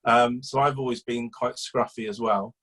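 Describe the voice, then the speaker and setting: A man's voice: mid-range voice, steady tone, moderate pace, a bit bright, rough recording. A man, a campaigner telling a long chatty story in an interview, rambling with fillers and restarts. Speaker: guest, animal welfare campaigner.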